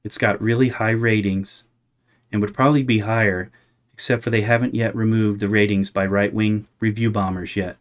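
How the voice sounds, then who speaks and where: Guy doing a parody news anchor thing, lowish voice, reads silly scripted news like it's real. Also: steady tone, moderate pace. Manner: parody news anchor delivery, presenting absurd items as straight news.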